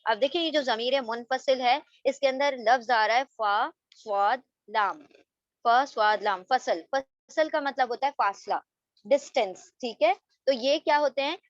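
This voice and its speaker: A woman's voice: high-pitched, unhurried, no room sound. A woman teaching a beginners' grammar lesson, explaining step by step with fillers and English terms. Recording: dull, lo-fi sound.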